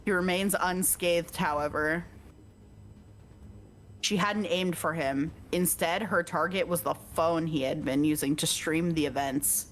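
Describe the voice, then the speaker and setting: A woman with a low voice takes her time reading a visual novel's text on stream, and there's slight background noise. She keeps an even reading tone, yet frequently stops for laughs and casual jokes with the person playing alongside her.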